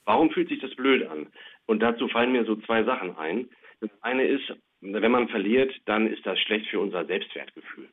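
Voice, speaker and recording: A child psychiatrist joins a phone interview as an expert guest, explaining things simply and plainly with small spoken examples. His lowish voice is animated and moves at a moderate pace. The line sounds tinny and narrow.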